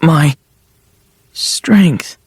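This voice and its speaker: A man voicing a loyal talking sword who acts as a mentor, speaking earnestly and excitably. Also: fairly high pitch, very slow, husky, no room sound, heavily acted. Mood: excited.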